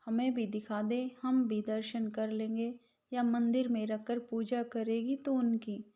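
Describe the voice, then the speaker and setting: A woman's voice: on the high side, level tone, unhurried, mellow, natural voice. A woman voicing a bossy, sarcastic older mother-in-law in a storybook tale, on a slightly dull recording. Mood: scolding.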